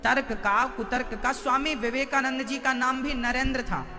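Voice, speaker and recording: A man's voice: very high-pitched, steady tone, normal speed, pushed and bright. A man giving a devotional sermon, telling stories and firing rhetorical questions at the listeners. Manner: storytelling, rhetorical questions to the crowd. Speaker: spiritual preacher. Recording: long hall reverb with faint music.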